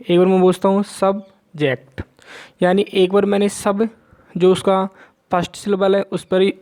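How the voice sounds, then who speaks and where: A male teacher with an Indian accent lecturing students. He reads English lines slowly, then explains and repeats each point in Hindi. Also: high-pitched, a little mellow, smooth. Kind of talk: classroom lecture.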